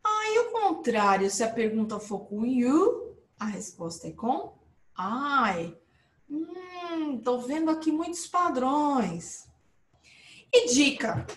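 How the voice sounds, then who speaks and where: Lively woman teacher, high and animated, live online lesson, echoey room. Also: slow. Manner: lively, explains with rising and falling emphasis, checks in with viewers. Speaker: English teacher.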